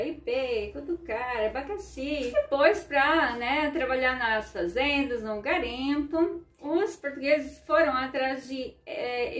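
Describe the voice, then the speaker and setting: A woman from southern Brazil with a Ukrainian accent, whose first language is Ukrainian, giving an educational talk. She explains at length, often adding a questioning 'né?' and reading out lists of words slowly. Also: sits high, fairly bright tone. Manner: explanatory, tags sentences with frequent 'né?', reads out word lists slowly. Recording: echoey room, distant mic, faint music behind.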